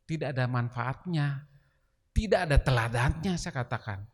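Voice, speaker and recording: A man's voice: medium pitch, animated, normal speed. A man preaching a sermon in a church, emphatic and asking the congregation rhetorical questions. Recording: long reverb of a church hall.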